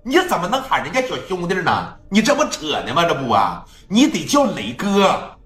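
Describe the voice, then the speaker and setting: A man's voice: on the high side, sing-song, normal speed, fairly bright tone. A man voicing a bossy older woman gang elder who lectures and scolds with indignant boasting. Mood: scolding. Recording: echoey room, faint music.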